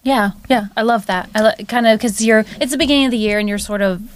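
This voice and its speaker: A woman's voice: fairly high pitch, fast talker, dry recording. Reflective woman in a dry closet. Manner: warm, reflective, laughs easily. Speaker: parenting podcast co-host. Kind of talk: casual conversational podcast. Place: small clothes closet at home.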